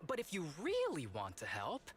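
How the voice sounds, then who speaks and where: A man's voice: sits high, huge pitch swings, normal speed, slight background noise. A man playing a sly, easygoing young male agent in a video game, teasing, nonchalant and playfully polite. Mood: teasing, breezy.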